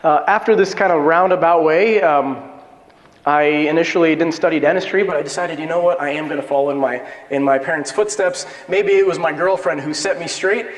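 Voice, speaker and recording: In a reverberant lecture hall full of listeners, a man talks a little fast in a fairly high voice. He's a Peruvian-born dental implant surgeon who grew up in the US and speaks with an American accent, keeping his talk conversational, self-deprecating, and full of personal stories.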